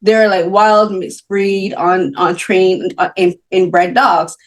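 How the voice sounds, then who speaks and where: A woman interviewing filmmakers, talking in a lively way and sometimes acting out what others say. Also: mid-range voice, takes it slowly. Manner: animated, often acting out the voices of others. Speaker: magazine interviewer. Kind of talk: casual interview talk. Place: film festival interview.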